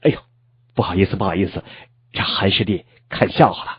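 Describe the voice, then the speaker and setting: A man's voice: low-pitched, fairly quick, husky, dry recording, lo-fi sound, pitched below the performer's own voice. A man voicing an embarrassed, apologetic young senior disciple in a storybook reading. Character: flustered lovestruck young male senior disciple.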